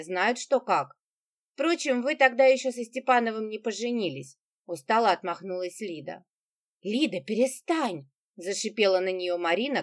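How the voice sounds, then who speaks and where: Female audiobook narrator, middle pitch, animates the dialogue. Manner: reads dialogue with lively shifts in pitch.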